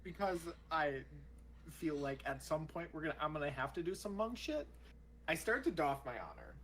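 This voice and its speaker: A man's voice: on the high side, big pitch swings, moderate pace, a bit bright, a little hiss or hum, poor audio. A man chatting casually as a player in a tabletop game, joking and sweary.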